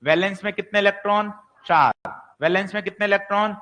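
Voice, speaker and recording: This exam-prep physics teacher talks fast in a high, pushed, bright voice, posing questions and answering them himself. Now and then he pretends to be a skeptical student voicing doubts.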